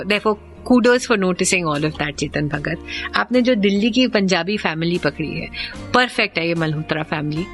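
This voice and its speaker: A woman's voice: medium pitch, fairly bright tone. Chatty Indian woman radio host. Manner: chatty, mixes Hindi and English freely, opinionated. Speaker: radio host reviewing books. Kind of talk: casual book review chat.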